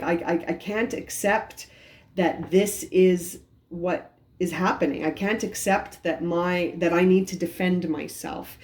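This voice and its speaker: A woman giving a tarot reading for a star sign, talking gently with many restarts and repeated phrases. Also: on the low side. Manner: gentle, repetitive, frequent restarts. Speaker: tarot reader.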